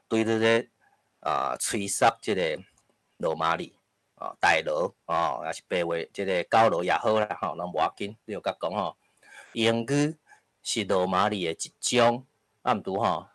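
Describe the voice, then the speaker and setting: A man's voice: low voice, fairly bright tone, no echo. A man with a Taiwanese accent giving a lecture to an audience, explaining point by point with frequent tag particles and the odd cough. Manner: occasional coughs and throat clearing. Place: lecture hall with live audience.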